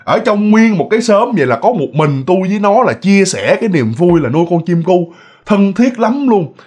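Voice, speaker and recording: A man's voice: high voice, very animated, moderate pace, darkish tone, breathy edge, voice pushed up, heavily acted. A man voicing a fretful, frightened middle-aged village uncle, complaining in a rambling, breathless rush. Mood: agitated.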